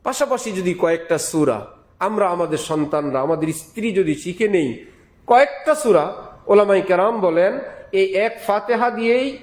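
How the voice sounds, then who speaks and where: High-voiced man preaching a sermon. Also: animated, normal speed. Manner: emphatic, repeats key phrases, rhetorical questions. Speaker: Islamic preacher. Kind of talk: Bengali waz sermon.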